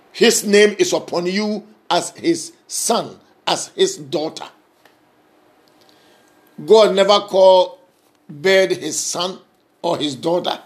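A high-voiced man preaches a sermon, emphatic and repetitive, moving back and forth between raised passages and soft, intimate moments.

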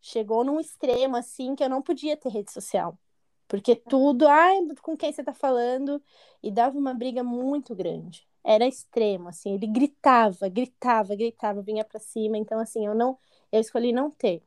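A woman's voice: a little high, moderate pace, darkish tone. A woman in her twenties candidly telling a personal story in an interview, often acting out what others said. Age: 20s. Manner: candid, acts out quoted voices. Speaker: interview guest.

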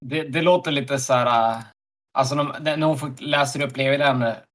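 A man in casual recap chat, relaxed, laughing often and pausing on fillers. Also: medium pitch. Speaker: podcast co-host.

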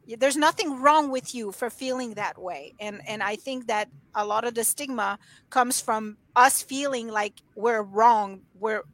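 A woman's voice: fairly high pitch, unhurried, a bit bright, no room sound. A woman joining a casual interview by video call, speaking in an emphatic, reassuring way.

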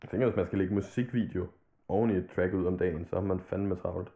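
Low-ish guy rambling in casual podcast chat, swears a lot, sounds like it's coming over a phone. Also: fairly even intonation, a crowd in the background. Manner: loose, rambling, swears freely. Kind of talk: casual chat about hip-hop. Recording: tinny phone-like line.

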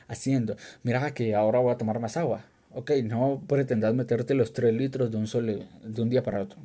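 A man's voice: mid-range voice, dark tone, husky. A man giving an encouraging, conversational motivational talk, often repeating key words for emphasis. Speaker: self-help speaker.

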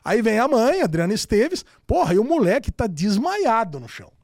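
Brazilian podcast host, male, high voice, dry close sound, animated swearing storyteller. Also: moderate pace, no room sound. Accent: Brazilian Portuguese. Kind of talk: casual podcast chat.

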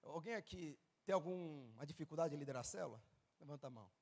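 A male pastor preaching at a youth event. He acts out the dialogue of Bible figures and of his listeners, building to loud, fervent passages. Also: on the high side, lively intonation, fast, vocal fry, big-room sound. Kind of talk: sermon. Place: large church hall or event venue.

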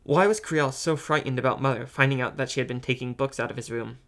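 A man narrating a fan audiobook of a novel. His reading stumbles now and then, with ums, restarts and self-corrections, all at a middling pitch. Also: quick pace, a bit bright. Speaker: audiobook reader.

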